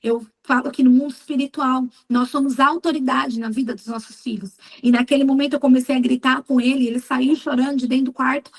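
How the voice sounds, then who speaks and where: A woman's voice: high voice, fairly even intonation, a little fast, few pauses, rough recording. A middle-aged woman giving a fervent church testimony, telling her story emphatically and quoting her own prayers. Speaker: speaker at a women's church meeting. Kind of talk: testimony sermon.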